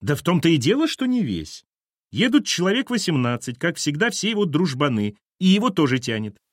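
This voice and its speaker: A man's voice: fairly high pitch, sing-song, a little fast, dry recording, clean studio sound, pitched above the performer's own voice. A man reading an audiobook, voicing an insistent, reproachful woman in her thirties. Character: nervous pushy ex-wife, mid-thirties woman. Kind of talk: audiobook character voice.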